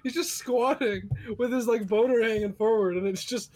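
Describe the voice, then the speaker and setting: A man's voice: very high voice, moderate pace, darkish tone. A man joining a stream over voice chat, teasing his friends and egging them on. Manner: teasing, eggs others on. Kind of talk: casual stream banter.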